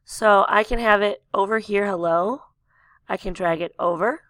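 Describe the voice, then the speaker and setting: A woman teacher talking through a software tutorial step by step, losing her voice, with coughs and throat clearing. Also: mid-range voice, moderate pace, no room sound. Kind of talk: screen-recorded software tutorial.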